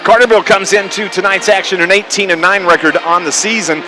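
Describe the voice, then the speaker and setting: Speaking fast and steadily in a high voice, a play-by-play announcer hosts a live pregame sports radio show with folksy, conversational ease. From his corner perch in a school gym, music plays in the background amid gym ambience and bouncing basketballs.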